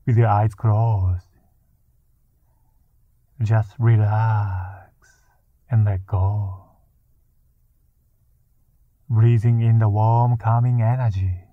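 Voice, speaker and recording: Slow, hushed man guiding a meditation. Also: on the low side, dry recording. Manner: soft, soothing, hushed delivery with long pauses. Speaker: meditation guide. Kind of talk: guided meditation narration. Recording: muffled, narrow-band phone-like sound. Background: music.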